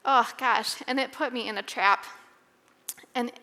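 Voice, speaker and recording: A young adult woman giving a candid personal testimony at a women's Bible study, talking conversationally with fillers and pauses. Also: a little high, steady tone, sharp tone, in a large hall. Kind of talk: personal testimony devotional talk.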